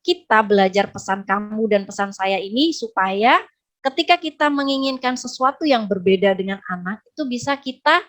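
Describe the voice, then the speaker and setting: A woman giving a lively talk to parents in a webinar, often acting out how children and parents speak. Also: medium pitch. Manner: lively, acts out child and parent voices in quotes. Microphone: close mic, online webinar.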